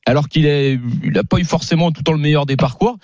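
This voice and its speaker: A man on a radio panel explaining his picks with many pauses and fillers. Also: on the high side, a little mellow, no room sound, studio quality. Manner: explains technical points, filler-heavy. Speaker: radio pundit on horse racing.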